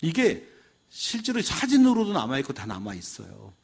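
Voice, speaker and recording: Animated male pastor with a husky voice. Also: fairly high pitch, normal speed. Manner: animated, acting out quoted voices of kids and teachers. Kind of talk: teacher training lecture.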